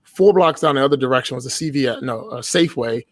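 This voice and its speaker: A man's voice: mid-range voice, quick pace, dry recording. A man in his thirties, a podcast guest, telling casual stories in a blunt, profane way and often laughing as he talks. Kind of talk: casual storytelling.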